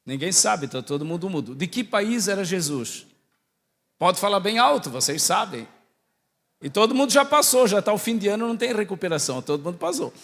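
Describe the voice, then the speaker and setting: High-sitting and a bit bright, this priest's voice swings widely in pitch as he talks a little fast. He comes from southern Brazil, with a Santa Catarina accent close to Portuguese, and leads a didactic, conversational religious talk, regularly asking the audience questions and checking in. The large hall gives the recording long, echoing reverb.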